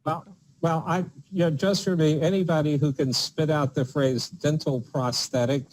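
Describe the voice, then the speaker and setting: An older man in a casual online video chat, speaking in a halting way with fillers. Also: fairly high pitch, fairly even intonation, rough recording.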